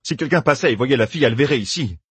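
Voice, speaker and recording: A man's voice: mid-range voice, lively intonation, husky, no echo, pitched above the performer's own voice. A man voicing a tall woman who presses others urgently. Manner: urgent, hurried.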